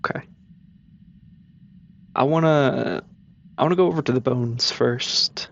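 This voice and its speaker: A man's voice: mid-range voice, unhurried, vocal fry, fairly bright tone, muffled recording. A man playing a comedic tabletop game, cautious and curious, asking the game master one question after another. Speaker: player.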